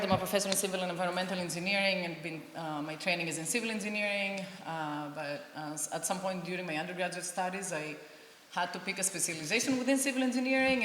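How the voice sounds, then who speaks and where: A middle-aged woman from Greece speaks to an audience in a friendly, explanatory way, often pausing on "um". Her voice sits on the low side. The sound comes from a reverberant hall with a faint hiss. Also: fairly bright tone. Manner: friendly, frequent ums, explanatory. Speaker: panelist, engineering professor. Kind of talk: conference talk. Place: event hall.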